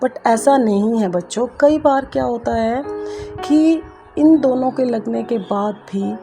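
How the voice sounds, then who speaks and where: Over music, an Indian woman speaks slowly in a fairly high voice while giving an English grammar lesson at the board. She addresses her students as kids, stays patient, and goes over the main points again and again.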